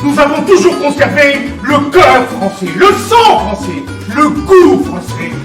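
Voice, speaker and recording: An actor playing a stern, proud old father who declaims and shouts in a stage play. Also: very high voice, big pitch swings, a little slow, exaggerated voice. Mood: indignant. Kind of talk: stage theatre acting. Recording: echoey stage from a distance with music.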